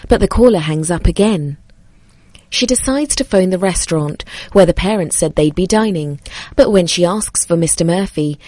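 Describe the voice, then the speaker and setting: A woman narrating a scripted horror story in a measured, suspenseful way. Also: on the low side, a little mellow, dry recording.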